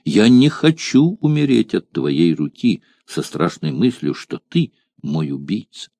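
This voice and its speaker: Man putting on a sly young courtesan, sweet-talking, slightly raised soft voice, storybook reading. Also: sits low, sing-song, unhurried, no room sound, heavily acted. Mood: pleading. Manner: coaxing, feigned tenderness. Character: cunning young woman courtesan, wheedling.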